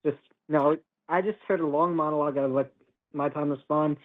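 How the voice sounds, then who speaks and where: A man's voice: on the high side, steady tone. Man on a choppy speakerphone, phone held away. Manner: insistent, halting. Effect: phone on speaker, held away from the mouth, choppy line. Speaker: caller. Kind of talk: call-in debate. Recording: tinny, choppy speakerphone line.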